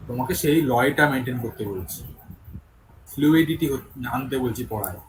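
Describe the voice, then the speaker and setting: A man's voice: medium pitch, expressive, fairly quick, a little hiss or hum, low-quality recording. A man with a Bengali accent teaching English, patiently correcting a student's pronunciation step by step. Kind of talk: online tutoring session.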